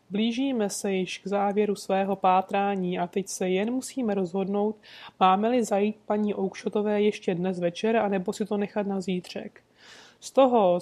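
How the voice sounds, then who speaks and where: A woman reading an audiobook, voicing a composed, courteous gentleman detective who speaks calmly and sweetly insists. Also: medium pitch, close to an everyday voice. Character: composed, suave gentleman detective, adult man.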